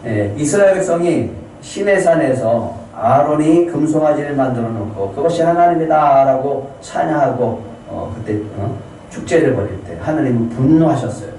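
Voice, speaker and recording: A man's voice: medium pitch, lively intonation, moderate pace, dark tone. A man preaching a fervent Sunday sermon as pastor, often tossing "예" to his congregation. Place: church sanctuary. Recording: roomy distant church recording with faint noise.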